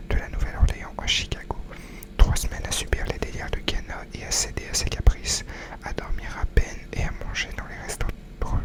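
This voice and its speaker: An ASMR narrator reads a novel entirely in whispers. The delivery is soft and breath-only, unhurried like a bedtime story, now and then tripping on a phrase and reading it again. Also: low-quality recording.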